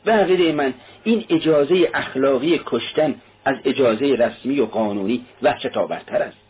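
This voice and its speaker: A man reading the part of a shrewd middle-aged male magistrate who questions in a measured, probing way. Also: mid-range voice, husky, natural voice. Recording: tinny narrow-band audio.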